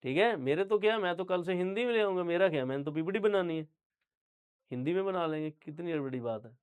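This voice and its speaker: A man's voice: high voice, lively intonation, fast talker, clear, resonant tone. A young man from Punjab whose first language is Punjabi, giving an online general-knowledge lecture to students and checking in with them often. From Punjab, India. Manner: talks straight to students, repeats "theek hai" often. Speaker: GK teacher.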